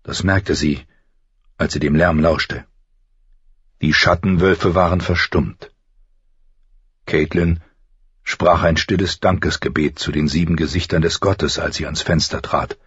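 A man narrating an audiobook in a measured, even storytelling manner. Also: rumbling low, slightly rough, dry recording, highs cut off.

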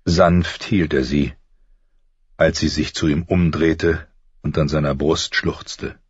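A man narrating a story in a calm, measured style. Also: a bass voice, husky, dry recording, lo-fi sound. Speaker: audiobook narrator. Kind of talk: scripted narration.

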